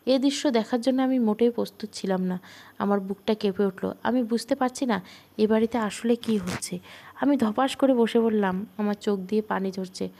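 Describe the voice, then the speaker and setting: A woman narrating a first-person story in a calm, steady reading voice. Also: medium pitch, normal speed.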